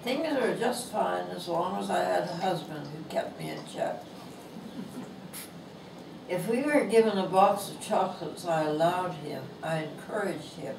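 In a bookstore, a woman in her nineties reads aloud from her own humorous essay, her pace slow and her manner gentle and amused. She's Canadian, with a thin, creaky voice on the low side that isn't strong. A lapel mic was used while filming from across the room, giving distant, echoey shop sound and background noise.

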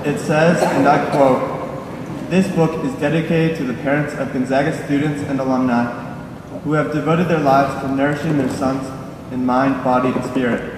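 A man's voice: mid-range voice, steady tone, moderate pace. Teen man with a wry graduation speech. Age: late teens. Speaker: salutatorian. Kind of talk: commencement speech. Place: large church. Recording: echoey church from far off, noisy.

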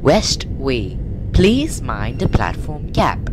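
A recorded onboard train announcement calling out the next station and minding the gap, spoken in a measured announcer's tone. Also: mid-range voice, wildly swooping pitch, background noise. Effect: train onboard station announcement over loudspeaker.

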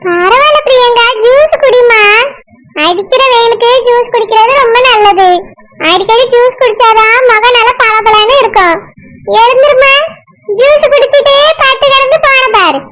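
A woman's voice: normal speed, fairly bright tone. A woman voicing a coaxing cartoon village mother. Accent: Tirunelveli Tamil. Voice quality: very high, squeaky cartoon voice. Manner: coaxing, insistent. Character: scheming village mother, middle-aged woman. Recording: clear background noise.

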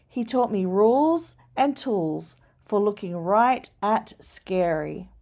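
A woman reads a children's picture book aloud at an unhurried pace. Her voice is mid-pitched and expressive, rising for the scary moments. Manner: slow, deliberate storytelling. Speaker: storyteller.

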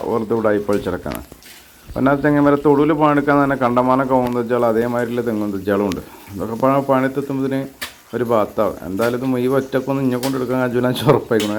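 A man, chatting briskly as he explains his farm work in a casual vlog, outdoors on a farm plot. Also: mid-range voice, a little hiss or hum. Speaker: vlogger.

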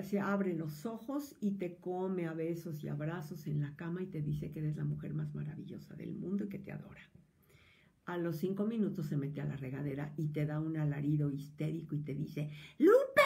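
A Mexican woman psychologist giving an explanatory talk to listeners, expressive and animated, sometimes dropping into a whisper. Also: lowish voice. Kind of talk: explanatory lecture addressing listeners.

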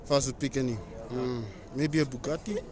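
A man's voice: medium pitch, fairly even intonation, quick pace. A young man giving hesitant, mumbled answers in a casual street interview. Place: outdoor market square. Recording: crowd noise outdoors.

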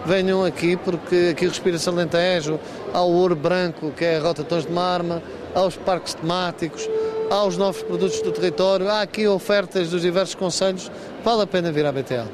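A man's voice: high-pitched, steady tone, brisk, a crowd in the background. A man in his fifties, a regional tourism official, giving a news interview at a trade fair stand and earnestly urging people to promote the region. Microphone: handheld reporter mic. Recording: background noise from fair hall.

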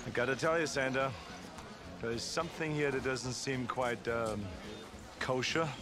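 A man's voice: mid-range voice, steady tone, unhurried, natural voice. A middle-aged man playing a skeptical, indignant customer in a film comedy, speaking bluntly and with disbelief. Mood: doubtful. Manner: blunt, incredulous.

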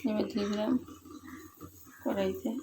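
A woman's voice: mid-range voice, level tone, moderate pace, very noisy. A woman talking viewers through a home cooking recipe, chatty and pleading with them to try it. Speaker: home cooking channel host. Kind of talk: casual cooking demonstration voice-over.

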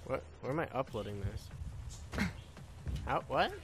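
Over a noisy background with faint game audio, this gaming YouTuber narrates his play live and casually, asking himself questions under his breath and cursing mildly. He's very animated yet slow-paced, with a medium-pitched voice.

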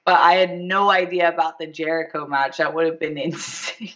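A woman's voice: low voice, steady tone, moderate pace, a bit bright, rough recording. A woman co-hosting a casual show, laughing often and teasing playfully. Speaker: co-host. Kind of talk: casual podcast chat.

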